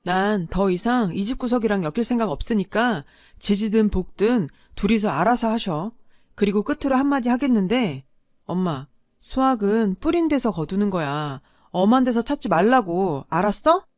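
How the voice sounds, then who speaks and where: A woman's voice: mid-range voice, lively intonation, moderate pace, darkish tone, dry recording, studio quality, close to an everyday voice. A woman voicing an angry younger daughter who confronts her mother and sister sharply. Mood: indignant.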